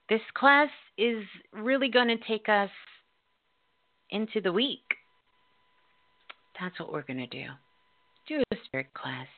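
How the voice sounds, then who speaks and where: Slow, low-pitched woman guiding a meditation. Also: no echo. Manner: soothing, unhurried, repeating phrases gently. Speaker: spirit class teacher leading a guided relaxation. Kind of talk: guided meditation. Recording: dull lo-fi sound under prominent music. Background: loud background music.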